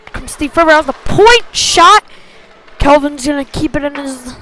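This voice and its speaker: A woman with a high, bright, pushed voice calls a youth ice hockey game live from the rink, speaking at a measured pace with plenty of expression. Her play-by-play is informal, delivered in short, clipped, colloquial bursts. The amateur livestream carries faint background noise.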